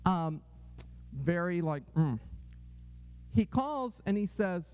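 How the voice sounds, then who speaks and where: A man's voice: high-pitched, sing-song, takes it slowly, clean tone. A man speaking to a congregation, telling a personal story and checking in with "right?" and "okay?". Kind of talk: testimony talk to a congregation. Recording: dull, echoey hall sound.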